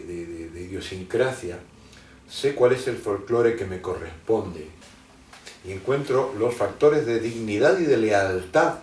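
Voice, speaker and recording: An Argentine guest in a conversational interview explains his ideas at length, lecturing with frequent hesitations and restarted sentences. His voice is mid-range with a darkish tone, and the distant mic makes it sound roomy.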